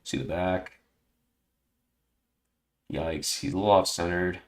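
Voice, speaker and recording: A man's voice: low voice, steady tone, takes it slowly. A man hosting a casual livestream, chatting and muttering to himself with little exclamations as he sorts through items. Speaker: host. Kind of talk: casual livestream chat while sorting cards.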